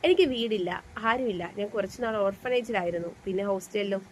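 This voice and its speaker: A woman voicing a determined young heroine with a hidden purpose, speaking softly but resolutely in a storybook reading. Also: medium pitch, expressive, brisk, slight background noise, close to an everyday voice.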